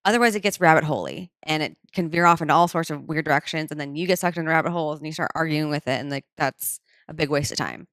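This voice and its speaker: A woman's voice: low voice, quick pace, few pauses, a bit bright, no room sound, studio quality. A woman speaking on a panel to a live audience, chatty and full of fillers. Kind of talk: casual talk to a live audience.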